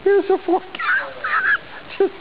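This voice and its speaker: A man's voice: very high voice, wildly swooping pitch, unhurried. An older man giving a TV weather forecast while stifling giggles that break out in squeals. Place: TV weather studio. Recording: tinny, very noisy old TV broadcast tape.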